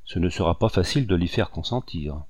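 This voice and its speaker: A man playing a naive excitable young woman. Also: deep voice, a little fast, no echo, studio quality. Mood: cautioning.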